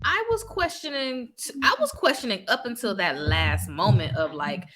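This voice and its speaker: A woman hosting a podcast, chatting casually and with animation about a movie, slangy and quick to laugh. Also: medium pitch, huge pitch swings, pushed and bright, slight background noise. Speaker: podcast host. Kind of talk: casual movie recap chat.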